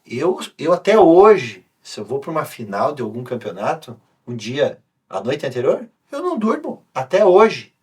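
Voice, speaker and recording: Husky-voiced coach telling a story. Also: male voice, mid-range voice, normal speed. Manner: animated, anecdotal storytelling with many restarts. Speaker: sports coach, podcast guest. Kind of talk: casual podcast conversation.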